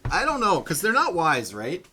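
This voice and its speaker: A man's voice: high-pitched, sharp tone, husky. A man running a live tabletop game as dungeon master, talking casually and rambling through restarts and fillers.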